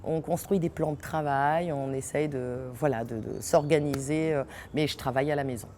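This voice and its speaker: In an unfinished theatre hall, a French Guianese actress and theatre company owner speaks at a moderate pace in a deep voice while answering interview questions. She's animated, laughing often and pausing with many hesitations, and there's a little hiss or hum.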